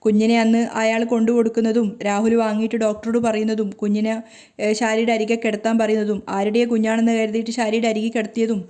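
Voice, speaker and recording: A woman retells a serial's plot in a quick, chatty storytelling manner. Her voice is slightly high but mellow and dark-toned, and the words rush out at a rapid clip. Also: monotone. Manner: brisk, conversational storytelling. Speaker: serial recap narrator.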